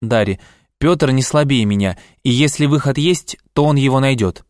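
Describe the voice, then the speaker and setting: A man voicing a weary, centuries-old man who speaks in a tired, gentle and measured way in an audiobook. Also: mid-range voice, dry recording, clean studio sound, voice pushed up, close to an everyday voice. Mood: calm. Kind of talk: audiobook character reading.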